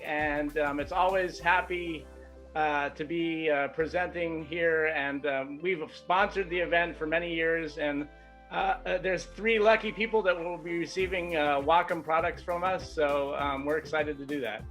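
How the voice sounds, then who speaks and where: A man's voice: a little high, steady tone, unhurried, a bit bright. A man speaking casually and a bit hesitantly as a sponsor guest on a video call. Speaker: sponsor representative, interview guest. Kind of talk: casual remote interview. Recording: music behind the voice. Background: music.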